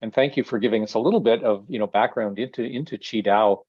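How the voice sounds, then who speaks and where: A man's voice: lowish voice, fast, breathy edge, dry recording. A man hosting an interview, asking polite, encouraging questions. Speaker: interviewer, host. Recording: dry, muffled lo-fi audio.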